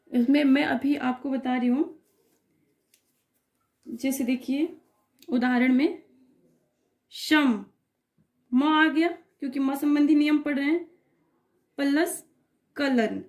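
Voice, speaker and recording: A woman with a high voice gives an unhurried grammar lesson. She works through each example patiently and keeps checking that her students are following. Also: darkish tone. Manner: patient, repeats checks like "clear?" and "okay". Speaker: teacher.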